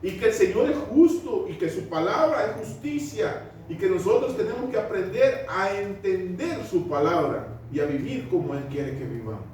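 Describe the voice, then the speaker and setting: A man preaches in a big church hall, his high voice climbing and dipping with lively swings. He keeps asking the congregation questions and slips in joking asides. The sound is very echoey and distant, with faint noise under it. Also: moderate pace, few pauses. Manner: asides and chuckles mid-sermon. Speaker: pastor. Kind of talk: sermon.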